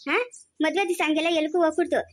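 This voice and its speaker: Fast, very high-voiced village woman. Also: fairly even intonation. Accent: Chikkaballapur rural Kannada. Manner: exasperated, fast nagging chatter. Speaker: comedy skit performer. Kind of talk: village comedy skit.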